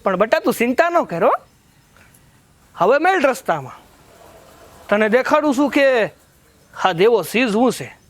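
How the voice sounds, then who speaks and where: A young man plays a brash, scheming troublemaker in a village family drama. His voice sits high, and he talks back in a defiant tone. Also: very animated, unhurried, pauses often, exaggerated voice. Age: young adult. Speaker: headman's son.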